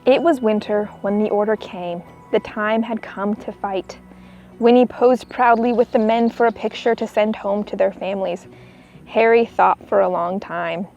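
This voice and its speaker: A woman reading a children's book aloud in an expressive storytelling style, as a narrator for young listeners. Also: medium pitch, normal speed, creaky, dull audio, soft background music.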